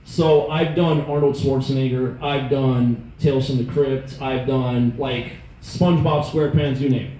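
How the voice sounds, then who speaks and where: A man in his thirties doing stand-up, telling stories in an animated, profane, self-mocking way. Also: mid-range voice, a little slow, few pauses. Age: 30s. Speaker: stand-up comedian. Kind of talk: stand-up storytelling. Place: comedy club stage. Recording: echoey room, faint noise.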